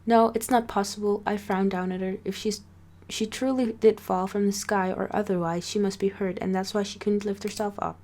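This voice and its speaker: A woman reads a first-person story aloud in an amateur way, tripping over words and restarting them. She breaks in with casual asides, and her voice sits at a middle pitch. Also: fairly even intonation, moderate pace, hardly any pauses, a little mellow. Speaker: story reader.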